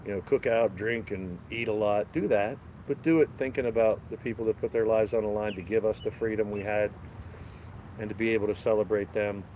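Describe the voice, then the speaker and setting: Brisk and steady, this man's voice sits on the low side with a darkish tone. He's a stuffed-up live stream host rambling casually to chat in an outdoor garden, walking with his phone camera as the mic picks up faint street noise.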